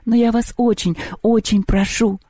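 A man's voice: sits high, moderate pace, warm tone, slightly rough, no echo. A man voicing an earnest, anxious young girl pleading for a friend in a storybook reading.

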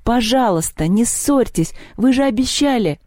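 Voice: mid-range voice, lively intonation, moderate pace, a little mellow, no room sound, clean studio sound, voice pushed up, close to an everyday voice. A reader voicing an earnest young girl who pleads with trembling urgency. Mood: pleading.

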